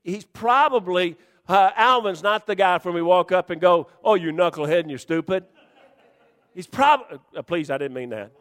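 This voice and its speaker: Male pastor, high-pitched, folksy and teasing, loud to hushed, church reverb. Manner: folksy, joking preacher who swings from shouting to hushed. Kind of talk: sermon.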